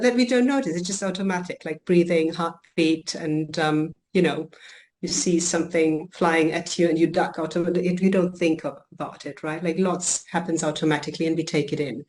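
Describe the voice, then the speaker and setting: A woman who grew up in Germany talks through her work as a coach and healer in an interview. Her voice sits a little low for a woman. She speaks reflectively, pausing on ums and restarting phrases as she goes. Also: a little mellow. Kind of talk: podcast interview.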